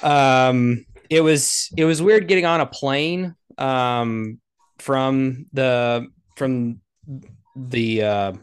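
Raspy, hoarse man co-hosting a podcast. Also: mid-range voice, steady tone, very slow. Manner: informal, conversational storytelling. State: hoarse after vacation. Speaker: podcast co-host. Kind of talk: casual sports podcast chat.

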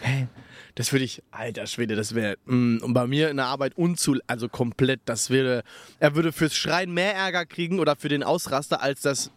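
A man's voice: medium pitch, normal speed, dry recording. A young man co-hosting a podcast from a camper van, chatting casually and upbeat, full of fillers and restarts. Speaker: podcast co-host. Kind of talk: casual chat. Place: inside a camper van at a festival.

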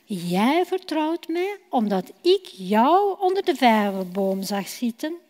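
Gentle kind male teacher, put on by a woman, inviting manner, slow, echoing church hall. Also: a little high, sing-song. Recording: long church hall reverb.

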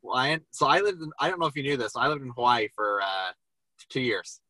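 A male interview host with a bright, forceful tone who circles around his questions and fills them with "like." His voice is recorded dry and close, with no room sound. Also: medium pitch, lively intonation, brisk, no room sound, rough recording. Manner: rambling, filler-heavy questions with lots of "like". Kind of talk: casual interview.

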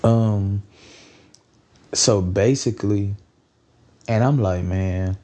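Young man, late teens, dark low voice, loose profane podcast rambling. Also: drawn-out words. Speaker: podcast host. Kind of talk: solo podcast commentary.

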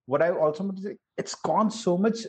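A man's voice: high voice, a little fast, darkish tone. A man with an Indian accent hosting a casual conversational interview, asking questions and commenting. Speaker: interviewer, host.

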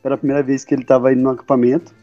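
A man with a Brazilian Portuguese accent, telling a story in casual chat, relaxed and rambling with many fillers. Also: medium pitch, rapid-fire, dull audio, faint music behind. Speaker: podcast co-host.

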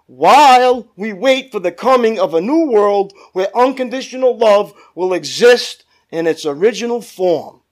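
High-voiced man preaching at a pulpit mic. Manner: calls out for amens from the congregation. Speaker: pastor. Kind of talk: sermon.

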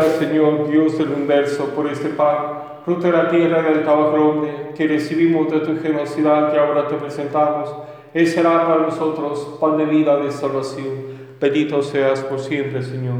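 A man, a priest celebrating Mass, reciting liturgical prayers in a measured, solemn, steady way, with a cathedral echo. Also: on the high side. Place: large church. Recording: heavy echo with long church reverb.

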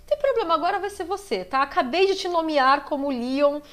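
A woman's voice: sits high, expressive, fairly quick. A young woman with a Brazilian Portuguese accent hosting a casual live-stream interview, enthusiastic and gushing, laughing often. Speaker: interview host.

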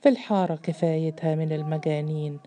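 A woman's voice: deep voice, steady tone, fast, mellow, slight background noise, natural voice. A woman voicing a scornful, sneering man. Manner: sneering, mocking. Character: menacing scornful man, a gang boss.

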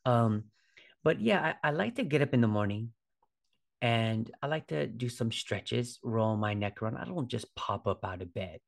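Animated and gravelly, a medium-pitched man in his forties speaks at a moderate pace on his solo podcast. He's a fitness trainer who hosts the show and keeps the talk informal, often tossing in a "right?" to check in.

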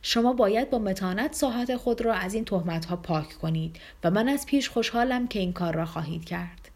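A woman reading the part of an earnest young noblewoman in an audiobook, in a grave, measured way. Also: medium pitch, a little mellow, close to an everyday voice. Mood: serious.

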